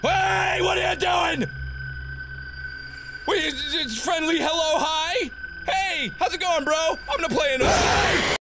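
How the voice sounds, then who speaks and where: A man giving frantic, yelling commentary while playing a horror game, often swearing. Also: extremely high pitch, slow pace, creaky, long pauses. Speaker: gameplay commentator. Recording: loud game music behind.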